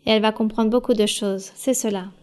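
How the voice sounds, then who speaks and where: A woman church leader answering questions at a Bible study, calm, direct and instructive. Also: on the high side, brisk, smooth.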